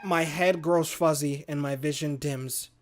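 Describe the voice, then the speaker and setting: With an unhurried pace and a voice on the high side, a man hosts a gaming video in which he dramatizes a horror visual novel. Casual asides break up his expressive reading, and game music plays in the background.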